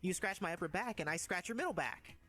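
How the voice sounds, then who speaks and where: A man's voice: sits high, lively intonation, fast talker, pushed and bright, soft background music. A man voicing a cheerful wind-up clockwork toy that needs winding to move, with a bouncy, giggly, punning manner. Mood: playful.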